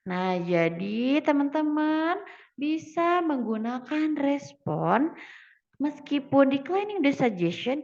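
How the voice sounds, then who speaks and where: Slow, gravelly-voiced young woman teacher. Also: high voice, a bit bright, dull audio. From Indonesia. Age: young adult. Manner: explains patiently, switching between Indonesian and English. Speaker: student teacher. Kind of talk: microteaching English grammar lesson.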